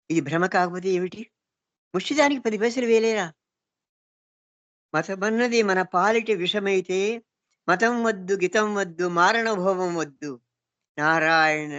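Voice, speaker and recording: A woman's voice: on the low side, dry recording, dull audio. A woman narrating a story in the first person, reflective and earnest, often asking rhetorical questions.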